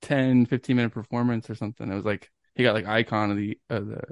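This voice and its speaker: A man's voice: fairly low pitch, fairly even intonation, fast talker, no echo, studio quality. A young man co-hosting a podcast, chatting casually and telling stories with enthusiasm and casual swearing. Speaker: podcast co-host. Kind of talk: casual chat.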